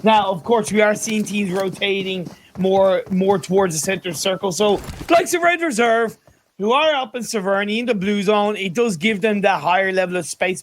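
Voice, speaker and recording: Male esports caster, high voice, analytical and chatty, faint background noise. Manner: analytical, conversational, tactical advice. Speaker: esports commentator. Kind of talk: live esports commentary.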